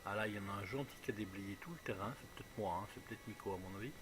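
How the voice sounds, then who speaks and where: A man's voice: on the low side, very fast. A man giving casual, jokey let's play commentary, musing aloud as he plays. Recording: clearly noisy home recording.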